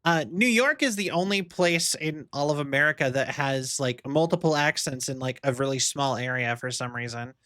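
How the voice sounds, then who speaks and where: A man's voice: mid-range voice, moderate pace, hardly any pauses, bright, forceful tone, dry recording, clean studio sound. A young man livestreaming a game, musing aloud in a rambling, casual way. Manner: rambling, musing, many fillers. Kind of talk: casual chat while gaming. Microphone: streaming mic.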